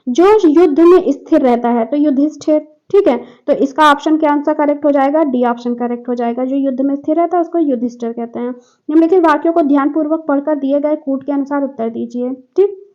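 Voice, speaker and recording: A woman's voice: high-pitched, a little mellow, highs cut off. A woman teacher explaining exam answers step by step, often checking in with the listener as she goes. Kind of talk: exam paper walkthrough.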